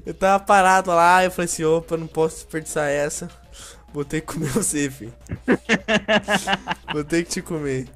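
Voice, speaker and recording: A young man with a Brazilian Portuguese accent playing an online game with a friend, loud and excitable, yelling at the screen. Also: a little high, normal speed, pauses often, faint music behind. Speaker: gamer. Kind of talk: excited co-op gameplay chatter.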